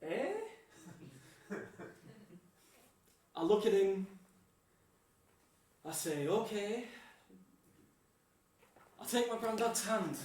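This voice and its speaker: A young man, performing an animated one-man theatre monologue with dramatic pauses. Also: high-pitched, far from the mic. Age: 20s. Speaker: solo stage performer. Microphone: distant room mic. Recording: echoey room, voice from afar.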